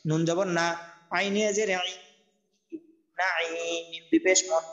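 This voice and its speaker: A man with a high voice teaches Quran reading online and walks his students through each word letter by letter in a steady, drilled cadence. The sound is dull and lo-fi, like a muffled online class. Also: soft background music. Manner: spells letters and vowels slowly in a drilled, repetitive chant. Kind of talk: online tajweed lesson.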